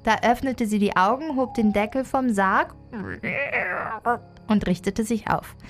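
A woman host reading a fairy tale aloud in a comedy bit, steady and joking. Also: a little high, measured pace, faint music behind. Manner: reads steadily, breaks off to joke and laugh. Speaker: narrator and host.

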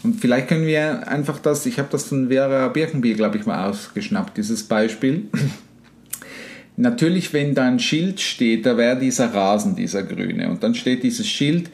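A man's voice: mid-range voice, a little slow. A man explaining ideas in a casual talk, acting out quoted inner thoughts. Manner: animated, acts out inner voices and quotes.

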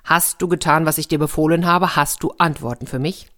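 A woman's voice: low voice, steady tone, fairly bright tone. A woman voicing a proud, stern king who gives orders and doubts what he hears. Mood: commanding. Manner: commanding, quick to doubt. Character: stern proud king, middle-aged man.

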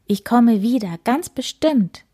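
Gentle storybook hedgehog, sleepy and kind, soft and a bit high, voiced by a woman. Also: expressive, slow, husky, exaggerated voice.

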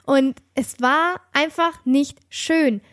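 A woman's voice: sits high, slow pace, fairly bright tone. A young woman chatting casually as a podcast host, telling a story with lots of restarts and fillers. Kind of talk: casual chat.

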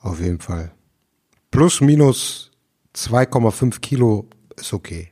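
A man's voice: medium pitch, lively intonation, unhurried, dark tone. A man co-hosting a casual podcast, answering with short, dry replies and quips. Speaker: podcast co-host. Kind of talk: casual chat.

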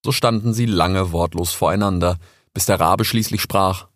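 A man narrating an animal story audiobook with expressive, lively storytelling. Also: deep voice, moderate pace, dry recording, clean studio sound.

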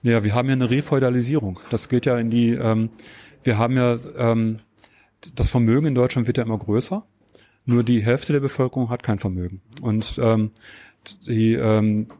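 A man answering interview questions, explaining at length and pausing often with fillers and tag questions. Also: mid-range voice, warm tone. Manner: hesitant, many filler sounds and tag questions. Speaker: interview guest.

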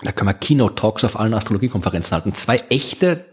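Husky, sarcastic Austrian man chatting. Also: fairly low pitch, animated, rapid-fire. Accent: Austrian German. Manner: chatty and sarcastic, laughs often, many fillers. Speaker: podcast co-host. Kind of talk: casual podcast chat.

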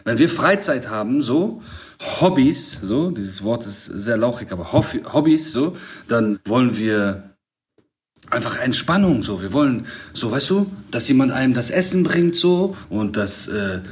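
A man in his thirties, co-hosting a casual chat and telling stories in a slangy, animated way. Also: mid-range voice, moderate pace. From Germany. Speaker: podcast co-host.

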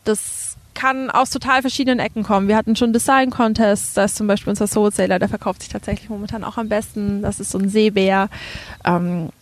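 A young woman from Franconia, Germany, with a Franconian accent chats casually as a podcast guest in an interview. Her voice is medium-pitched and fairly even in intonation, a little fast, with many fillers and frequent laughs.

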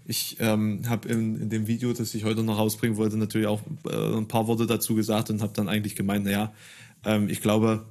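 Low-pitched man, hesitant casual co-host, lots of ums. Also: monotone, brisk, darkish tone. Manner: hesitant, many filler sounds. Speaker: podcast co-host. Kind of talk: casual chat.

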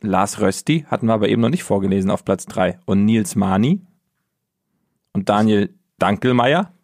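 A man's voice: on the low side, lively intonation, normal speed, vocal fry, a little mellow, no echo. Casual man fumbling names, dry sound. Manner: casual, stumbling over names. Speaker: podcast co-host. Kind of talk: casual sports chat.

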